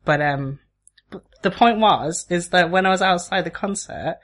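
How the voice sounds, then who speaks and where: A woman chatting as a podcast co-host. Her voice sits slightly low, and she laughs easily. She teases her friend while explaining things. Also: normal speed, fairly bright tone. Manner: laughs often, teasing, explains at length. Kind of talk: casual chat.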